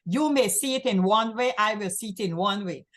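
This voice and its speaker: A woman's voice: medium pitch, a little fast, fairly bright tone. A woman from Guyana hosting a community access talk show, talking in long rambling runs and often repeating herself. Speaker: host.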